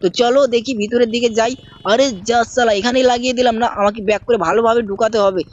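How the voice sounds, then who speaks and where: With a fairly high pitch, a steady tone and a quick delivery, a woman narrates a mobile game in a casual, chatty style, speaking to viewers and performing character voices. Her tone is darkish, and the highs are cut off.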